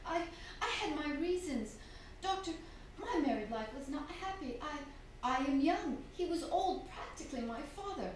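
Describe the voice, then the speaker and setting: An actress with a high-pitched, expressive voice plays a young widow, unhappy in marriage, in a radio drama performed live on a theatre stage. Normally cool and composed, the character grows distressed and pleading when cornered, delivered emphatically with dramatic pauses. The distant mic catches a very echoey hall and faint noise.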